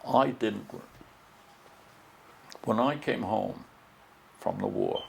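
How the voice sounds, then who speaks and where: Gravelly old veteran man remembering, lively pitch. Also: a little hiss or hum. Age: older, over 70. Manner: old veteran remembering, halting and emotional storytelling with quoted dialogue. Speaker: war veteran giving testimony. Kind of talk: oral history testimony, recollection.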